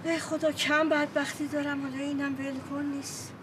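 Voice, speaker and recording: A woman's voice: sits high, level tone, natural voice. An actress playing a fed-up, overworked mother and music teacher who complains about her son in a comedy series. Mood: exasperated. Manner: exasperated, complaining. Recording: distant voice, street noise.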